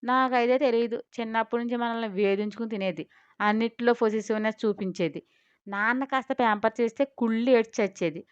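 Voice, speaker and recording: A woman's voice: a little high, fairly quick, clean tone, no room sound, dull audio. A woman narrating a family drama story and acting out the dialogue of each character in turn. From India. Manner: lively, switches between playful and sulky character voices. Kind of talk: scripted narration with acted dialogue.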